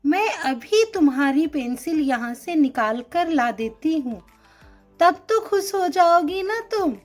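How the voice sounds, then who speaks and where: A woman voicing a kind, motherly forest fairy in a storybook doll show, soothing and gentle. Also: sits high, animated, unhurried, faint music behind.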